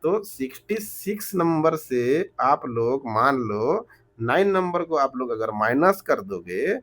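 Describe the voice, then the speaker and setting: A man teaching math, going step by step, slow and repetitive, always asking the class rhetorical questions. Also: mid-range voice, very animated, a bit bright. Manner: switches between Hindi and English terms. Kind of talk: explaining math problems step by step.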